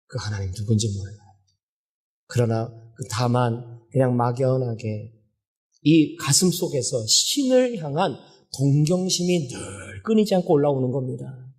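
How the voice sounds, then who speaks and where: A male pastor preaching a sermon, telling the story in a lively way, often asking the congregation questions and acting out what people said. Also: medium pitch, a little slow, husky.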